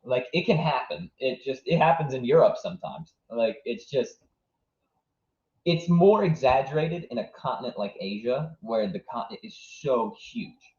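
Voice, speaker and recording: He speaks at normal speed with a medium pitch, an animated delivery and a darkish tone. A young man from southwest Virginia, he hosts a livestream reacting to a match, rambling and thinking aloud while responding to chat, in a dull, echoing room.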